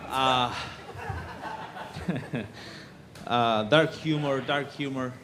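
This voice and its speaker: On a comedy club stage, an Argentine man performs stand-up with a medium-pitched voice, his delivery halting and packed with fillers. The background is noisy.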